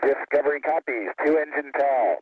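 A man's voice: on the high side, normal speed, breathy edge, dry recording, narrow, tinny audio. Man on a crackly radio link. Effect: crackly two-way radio transmission. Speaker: shuttle crew member. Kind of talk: terse radio calls.

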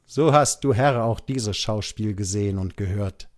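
A man's voice: fairly low pitch, normal speed, darkish tone, natural voice. A man playing a cheerful, scornful caravan leader who speaks with a raised voice. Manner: hearty, scornful.

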